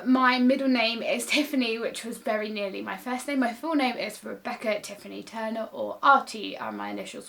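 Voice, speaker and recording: A woman's voice: on the high side, creaky, fairly bright tone. A woman, chatting casually to camera from her home desk and laughing often. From England. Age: 20s. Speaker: vlogger.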